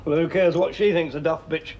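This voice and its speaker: A man's voice: fairly high pitch, steady tone, fairly quick, darkish tone, highs cut off, a little hiss or hum, natural voice. An actor playing a blunt, scornful middle-aged miner father. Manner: blunt, scornful, grumbling with dry laughs.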